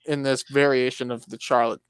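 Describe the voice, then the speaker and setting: A man's voice: mid-range voice, level tone, brisk, clean tone, dry recording. Rambling man hosting a racing podcast. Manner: rambling, anecdotal, with restarts. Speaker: podcast host. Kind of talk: casual motorsport podcast chat.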